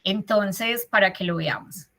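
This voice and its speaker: A woman's voice: medium pitch, measured pace, a bit bright. A woman with a Colombian Spanish accent giving a teacher training talk on teaching reading and writing, explaining step by step with frequent fillers. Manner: explanatory, uses fillers like "eh" and "entonces".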